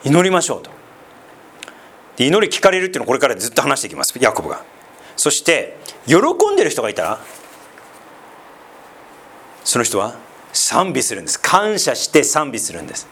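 Man preaching with a very lively, swooping pitch. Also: brisk, pauses often, breathy edge. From Sendai, northeastern Japan. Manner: chatty, with many asides and tag questions. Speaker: pastor. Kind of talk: conversational sermon.

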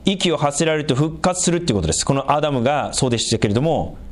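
A middle-aged man preaching a sermon as a pastor, explaining scripture in an animated way and making small jokes with the congregation. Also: racing. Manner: animated, raises pitch for emphasis and quoted lines, jokes with the congregation.

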